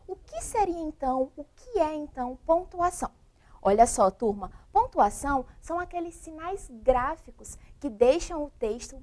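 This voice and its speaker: A woman teaching a primary school class on a broadcast lesson, asking the children at home many questions. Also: high voice. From Brazil. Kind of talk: televised remote classroom lesson.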